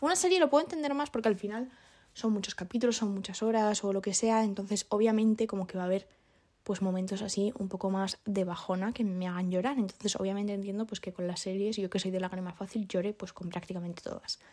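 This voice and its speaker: A young woman, talking alone in a casual, confessional way, chatty and self-deprecating, often laughing and filling pauses. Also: mid-range voice, darkish tone. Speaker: podcast host.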